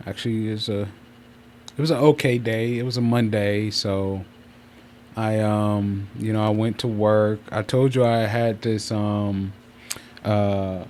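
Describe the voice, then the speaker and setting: This livestream host talks from a room at home, his low-leaning voice moving slowly as he chats casually. He rambles and keeps circling back to repeat himself, while a steady fan is plainly audible throughout.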